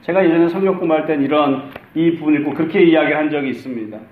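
A man's voice: fairly high pitch, rapid-fire, echoey room, narrow, tinny audio. A middle-aged male pastor preaching a conversational sermon, acting out the lines he quotes.

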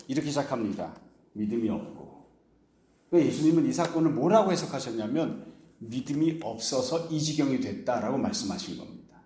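A man with a fairly high-pitched, darkish voice preaches a sermon as a pastor, explaining a passage and posing rhetorical questions to his listeners. The recording has a roomy echo.

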